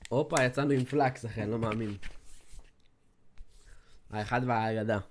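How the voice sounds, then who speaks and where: An eighteen-year-old man from Israel, streaming a game and chatting casually with his viewers in an excited, slangy way. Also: medium pitch. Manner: slangy, excitable, keeps calling out to chat and players. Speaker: gaming streamer. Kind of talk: casual livestream chat while playing. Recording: noisy stream audio with clicks.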